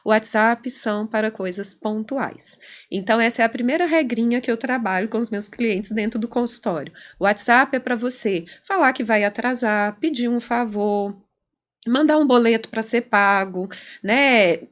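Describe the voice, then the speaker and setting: Brazilian woman, clinical psychologist guest, fairly high voice, animated explainer. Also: normal speed. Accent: Brazilian Portuguese. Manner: animated, explanatory, acts out quoted dialogue. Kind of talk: conversational podcast interview.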